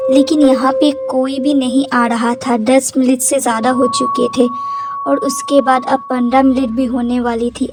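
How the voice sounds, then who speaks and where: Young woman, high-pitched, first-person cartoon horror storytelling, jumpy exclamations, loud background music.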